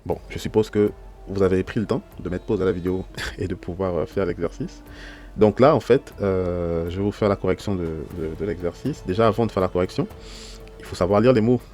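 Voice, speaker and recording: A man with a deep, low voice teaches an online lesson. He explains patiently and step by step, often pausing to check that listeners follow. Faint music plays under his voice. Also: a little mellow. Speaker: Hebrew teacher.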